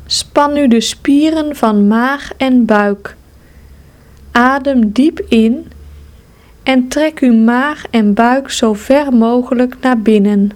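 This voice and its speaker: Leading listeners through progressive muscle relaxation, this woman's slightly high voice stays calm and soothing. Her pace is very slow, and she leaves long pauses between instructions.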